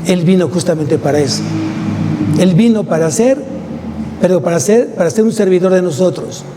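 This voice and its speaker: This pastor's voice sits high and moves at a moderate pace as he preaches emphatically, firing rhetorical questions at the congregation in his Mexican Spanish accent. The setting is a church sanctuary, captured with long hall reverb and faint background noise.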